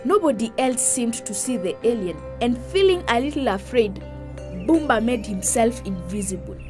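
Woman narrator, children's story, expressive, fairly high voice, soft music behind. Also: moderate pace. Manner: expressive, building suspense.

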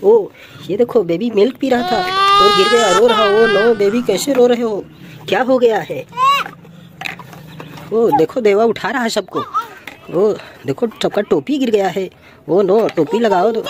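A woman's voice: mid-range voice, heavy background noise. A woman narrating a toy play video for children, exclaiming and sing-song, full of "wow" and "oh no".

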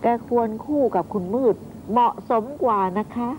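An actress playing a fretful, kindly old nanny who scolds and fusses in a clucking way, in a TV drama. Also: female voice, on the high side, moderate pace, darkish tone, a little hiss or hum, natural voice, poor audio. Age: older. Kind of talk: TV drama acting.

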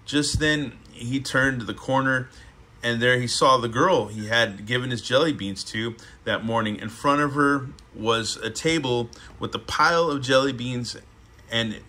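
Casual host reading kids' book, bright forceful tone. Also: male voice, mid-range voice, measured pace. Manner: laid-back, chatty asides.

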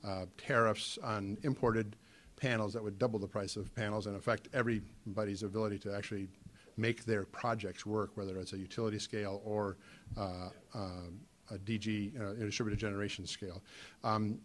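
Middle-aged male panelist, lowish pitch, podium mic, filler-heavy delivery. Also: level tone, a little hiss or hum. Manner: halting, many fillers and restarts. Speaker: trade association panelist. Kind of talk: conference panel talk. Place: meeting room, indoors.

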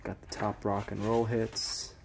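A man's voice: on the low side, unhurried, creaky, slight background noise. A young man hosting an exploration vlog, chatting casually with lots of "like" and "I mean" as he walks through an empty indoor diner, speaking into a camera held at arm's length. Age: young adult. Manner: relaxed, chatty, with a lot of "like" and "I mean". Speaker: urban explorer vlogger host.

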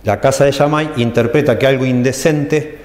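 A man's voice: mid-range voice, fairly even intonation, moderate pace, darkish tone. A man preaching in a church, explaining texts carefully and stressing key phrases, with a Rioplatense Spanish accent. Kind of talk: church teaching sermon. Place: church hall. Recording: echoey church hall, long reverb.

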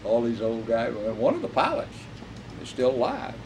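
A man's voice: mid-range voice, huge pitch swings, normal speed. A man who restored and flies a warplane, talking casually, swearing freely and rambling with fillers, recorded in a hangar. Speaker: warbird restorer and pilot. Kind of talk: casual conversation. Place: aircraft hangar. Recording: distant mic with background noise.

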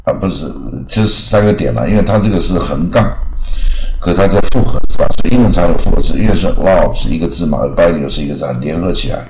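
A man's voice: deep voice, fast talker, reverberant, background noise. A man from Taiwan giving a casual, rambling English lesson, full of filler particles and restarts. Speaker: English teacher.

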